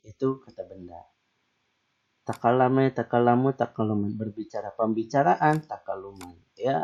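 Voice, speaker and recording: Low, mellow-voiced man teaching casually. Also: highs cut off. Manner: relaxed, chatty, with fillers and rhetorical questions. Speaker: Arabic grammar teacher. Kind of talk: casual online lesson.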